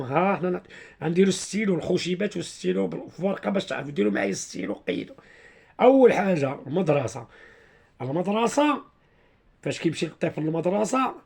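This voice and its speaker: This man's high-pitched voice is gravelly and a little mellow, with a breathy edge. Speaking with a Moroccan accent, he gives casual explanatory commentary to followers as an online video commentator. He halts, repeats himself, and hunts for the right words.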